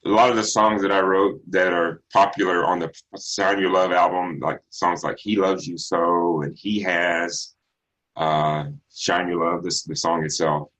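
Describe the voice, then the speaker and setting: Answering interview questions as a guest, this middle-aged Texan singer uses a bass baritone voice and a slow, contemplative style with plenty of ums and restarts. His tone is steady and a bit bright, captured on a low-quality recording.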